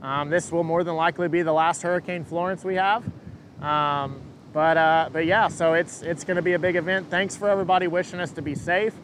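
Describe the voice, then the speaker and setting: A man giving an unscripted live weather update as a forecaster, answering questions in a halting way and repeating words as he thinks. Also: fairly even intonation, a bit bright. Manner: hesitant, halting, repeats words mid-thought. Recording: engine rumble and wind noise.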